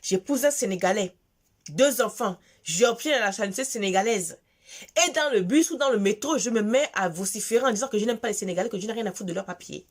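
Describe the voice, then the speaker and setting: A woman's voice: medium pitch, quick pace. A woman from Gabon with a Gabonese French accent, delivering an emphatic, scolding monologue to her viewers and repeating phrases for force. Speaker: vlogger. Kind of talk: impassioned monologue addressed to viewers.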